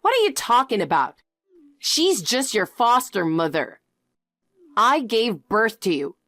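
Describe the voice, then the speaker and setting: A woman voicing a greedy, pushy middle-aged birth mother who talks in a demanding, shrill way. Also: sing-song, measured pace, fairly bright tone, dry recording. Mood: pleading. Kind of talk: animated story voice.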